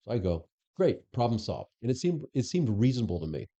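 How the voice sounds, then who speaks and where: A man's voice: mid-range voice, sing-song, a little fast, dark tone, slightly rough. A middle-aged man, a guest in an interview, telling stories in a casual way and acting out the lines people said to him. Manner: anecdotal, acts out quoted dialogue. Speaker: interview guest, former police superintendent. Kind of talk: conversational storytelling.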